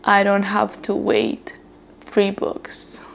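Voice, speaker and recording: In casual read-along commentary, a young woman reads a romance novel on camera, chatting through the characters' lines and laughing a lot. Her medium-pitched voice is completely flat, creaky and slow, with slight background noise.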